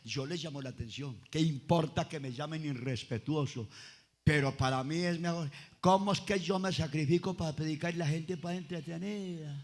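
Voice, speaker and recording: Fiery high-pitched Colombian preacher man. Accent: Colombian Spanish. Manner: dramatic, swings from shouted praise to low intimate tones. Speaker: pastor. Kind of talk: Pentecostal revival sermon. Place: church service before a congregation.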